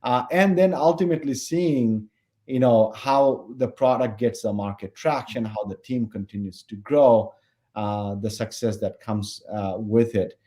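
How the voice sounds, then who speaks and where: A man in his forties, originally from Bangladesh, answering as a founder on a podcast in a measured way with many fillers. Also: mid-range voice, mellow. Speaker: company founder and CEO, guest. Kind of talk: podcast interview.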